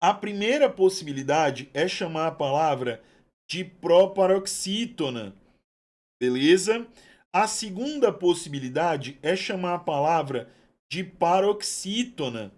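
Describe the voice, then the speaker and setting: Young male teacher, slightly high voice, chatty exam-prep style, stretches key terms. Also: a little mellow. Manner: chatty and affectionate, drawn-out stresses on key terms. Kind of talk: online exam-prep lesson.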